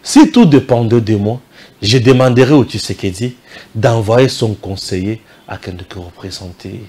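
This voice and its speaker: A man's voice: fairly low pitch, normal speed, a little mellow, breathy edge. A man from DR Congo with a Congolese French accent, giving indignant political commentary full of rhetorical questions. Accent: Congolese French, Kinshasa.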